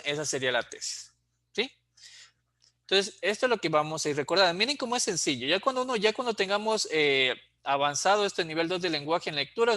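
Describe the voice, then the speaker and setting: A man's voice: a little high, pushed and bright, no echo. A man teaching an exam prep lecture, explaining patiently and checking in often with "¿sí?".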